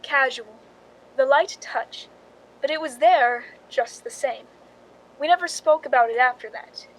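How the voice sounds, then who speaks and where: An actress in a radio drama plays a wry, cool young woman, a film stand-in and scheming narrator who confides her story in an understated, knowing way. Her voice is high and unhurried, and the audio quality is poor.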